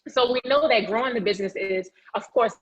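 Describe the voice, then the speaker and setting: A woman's voice: a little high, brisk. A woman presenting a motivational training session over a video call, chatty and folksy, encouraging people to take part. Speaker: real estate agent leading a training session. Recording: dull, muffled video-call audio.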